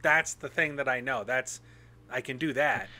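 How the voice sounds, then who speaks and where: A man's voice: mid-range voice, normal speed, sharp tone. A man, chatting casually on a podcast with a self-mocking, restart-heavy manner. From Canada. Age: 30s. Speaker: podcast guest. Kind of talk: casual chat.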